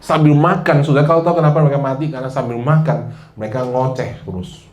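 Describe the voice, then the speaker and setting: A man preaching a sermon as pastor, lively and joking, acting out the prayers he quotes and often addressing his listeners directly. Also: mid-range voice, fast talker.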